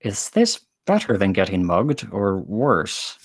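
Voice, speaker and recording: A man's voice: fairly low pitch, huge pitch swings, slow pace, slightly rough, exaggerated voice. A man voicing a jittery young dog-boy. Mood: nervous. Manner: hesitant, stammering.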